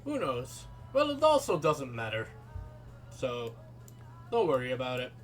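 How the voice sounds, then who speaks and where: Brief: dry-humored male game streamer from Europe, Dutch first language, lively voice, game music behind. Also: mid-range voice, unhurried. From Europe, not the British Isles. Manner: dry, self-mocking, talks to chat while reading game text aloud. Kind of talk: live game stream commentary.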